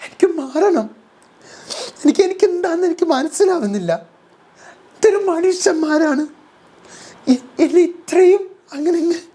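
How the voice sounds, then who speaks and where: Woman doing a frantic young woman begging to leave, shrill, wobbly, near tears. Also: lively intonation, moderate pace, long pauses, mellow. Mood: tearful pleading. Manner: whiny, tearful pleading. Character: distraught young woman pleading to leave the house.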